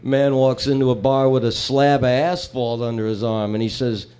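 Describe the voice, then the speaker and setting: A man's voice: mid-range voice, steady tone, moderate pace, a little mellow, clean tone. A man performing a live comedy set, telling bar jokes with rambling, wisecracking patter between them.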